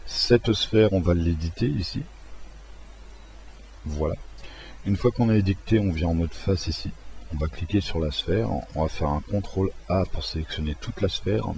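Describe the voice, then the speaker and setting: A man walking through a software tutorial in a casual, hesitant way, with many fillers and restarts. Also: low voice, moderate pace. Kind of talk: casual screen-recorded tutorial.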